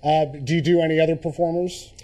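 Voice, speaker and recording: A man's voice: on the high side, fairly even intonation, fairly quick, dark tone. A man hosting a morning TV news show, bantering with friendly enthusiasm. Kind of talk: TV news chat.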